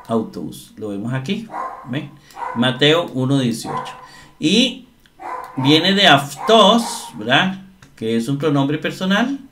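Male teacher, unhurried delivery, repeats key terms, walks through grammar step by step. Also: mid-range voice, fairly bright tone, a little hiss or hum. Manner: slow, explanatory, repeats words and asks "¿verdad?". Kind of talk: screen-share grammar lesson.

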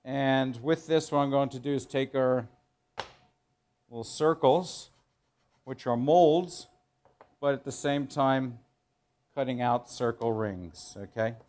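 In a professional teaching kitchen indoors, a middle-aged man runs a cooking demonstration, talking through his work in a halting, informal manner and repeating phrases to stress them. He has a slightly mellow, mid-range voice.

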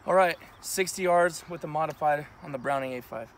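A man with a slightly high voice briskly explains his shotgun results in a casual outdoor gear review at a shooting range, keeping it plain and matter-of-fact. A distant camera mic captures him with a little hiss or hum.

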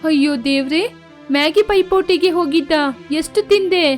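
A woman's voice: extremely high pitch, normal speed, soft background music, pitched above the performer's own voice. A woman voicing an anxious, fussing mother-in-law who exclaims in worry. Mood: worried.

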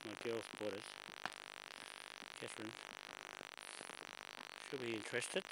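An older man, out of breath and chatting as he films a walk down a bush stairway, often clearing his throat. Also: lowish voice, fairly even intonation, takes it slowly. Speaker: vlogger filming a walk. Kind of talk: casual walking commentary. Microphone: handheld camera mic. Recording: loud hissy camcorder audio.

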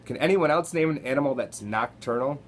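A man voicing a strict, quiet older woman teacher in a read-aloud storybook, speaking calmly and evenly. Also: mid-range voice, a little fast, close to an everyday voice. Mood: stern, matter-of-fact.

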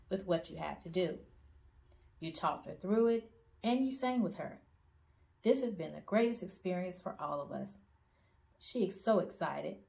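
A woman voicing a grateful, apologetic mother who speaks in a rushed way, low and gravelly. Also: a little mellow, low-quality recording.

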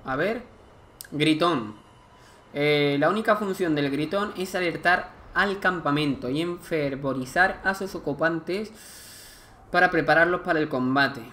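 A man's voice: on the high side, measured pace, a bit bright. A man who chats and thinks aloud while playing a game, reading game text aloud as he goes. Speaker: gameplay commentator. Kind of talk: let's play commentary.

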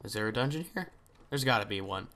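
A man's voice: lowish voice, lively intonation, fast, noisy background. A man hosting a gaming video, chatting casually and thinking aloud as he plays, often trailing off into mutters. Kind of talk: let's play commentary.

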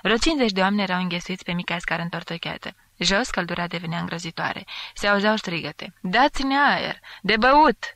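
An audiobook narrator reading a classic novel aloud in a steady literary reading style, now and then lifting the voice to act out shouted lines. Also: mid-range voice, hardly any pauses, no echo. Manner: acts out quoted shouts with a raised voice.

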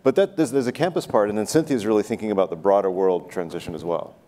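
A man in his forties speaks as a panelist on a conference stage. He talks quickly, with a slightly low voice, dropping in filler "uh"s. A lapel mic picks him up. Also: mellow. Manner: brisk, quick explaining with filler "uh"s. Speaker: panelist, institute director.

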